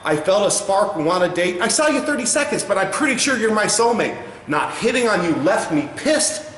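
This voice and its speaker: A man as a crude infomercial clown pitchman, echoey room. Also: very animated, fairly quick, a bit bright. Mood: mock-sentimental recital. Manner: crude, swearing, mock-sincere. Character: crude, cynical clown pitchman selling insulting greeting cards. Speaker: comedian in character as a clown. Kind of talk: spoof infomercial sales pitch with recited rhyming card verses. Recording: roomy echo, faint background noise.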